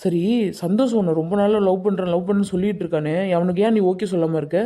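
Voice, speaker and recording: A woman voicing a level-headed young village man in an animated cartoon, talking earnestly and persuasively. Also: fairly low pitch, quick pace, natural voice.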